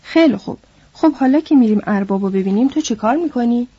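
A woman voicing a sharp-tempered, protective itinerant worker man who talks in a curt, scolding way. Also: fairly high pitch, animated, breathy edge, no room sound. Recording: dull lo-fi recording.

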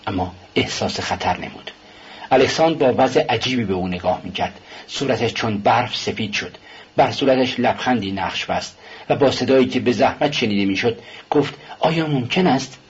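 Male narrator for a classic novel, husky, measured; muffled lo-fi audio. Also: medium pitch. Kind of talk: novel reading. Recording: dull lo-fi recording.

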